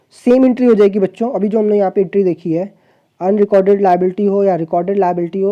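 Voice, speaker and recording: A woman's voice: lowish voice, dark tone, muffled recording. A woman teaching a commerce exam-prep class online. She explains step by step, asks the class rhetorical questions and mixes English terms into her Hindi explanation.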